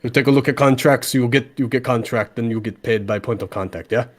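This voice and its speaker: A man's voice: mid-range voice, fairly quick, natural voice. A man voicing a small, pushy male rabbit contractor who speaks in broken English with hustling sales patter.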